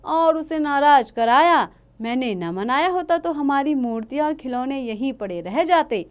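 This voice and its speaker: A woman's voice: high-pitched, lively intonation, moderate pace, pitched above the performer's own voice. A woman reading the part of a stubborn, scolding village potter father who coughs. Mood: stern scolding. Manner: gruff, scolding.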